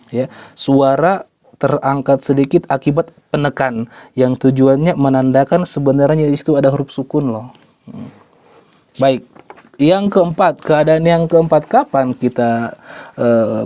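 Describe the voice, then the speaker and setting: A man's voice: mid-range voice, warm tone, dry recording. A man teaching Quran recitation rules, speaking patiently, repeating words and drawing out the example words he recites. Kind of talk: tajwid lesson.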